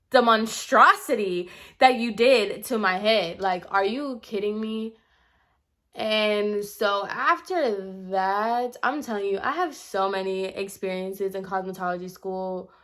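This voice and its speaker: A woman's voice: mid-range voice, fairly bright tone. A young woman vents through a get-ready-with-me storytime, talking straight to her camera at home. She is emphatic and exasperated, piling on "like"s and repeating herself for effect. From Puerto Rican heritage. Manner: exasperated, emphatic, rants with many "like"s. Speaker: beauty vlogger. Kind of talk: storytime chat while doing makeup.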